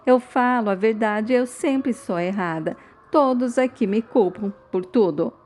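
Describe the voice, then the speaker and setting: A woman's voice: a little high, a little slow, a little mellow, natural voice. A woman voicing a distraught middle-aged mother in a soap recap, bitter and demanding. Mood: accusing. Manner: bitter, demanding, repeated challenges.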